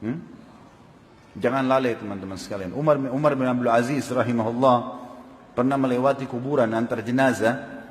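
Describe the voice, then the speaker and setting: A male preacher giving a sermon, telling stories in an animated way and questioning the audience. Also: medium pitch, fairly quick, long pauses. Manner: animated storytelling with questions to the crowd. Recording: long hall reverb.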